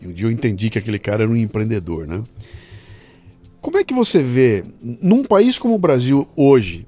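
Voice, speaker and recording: A podcast host with a Brazilian Portuguese accent chats casually in an interview, animatedly acting out little quoted asides from other people. His voice is medium-pitched and fairly quick. The recording is dry, with faint music in the background.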